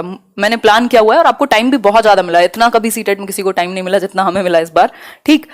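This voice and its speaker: A woman teaching a live online exam-prep class, talking quickly and conversationally and checking in with her students often. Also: on the high side.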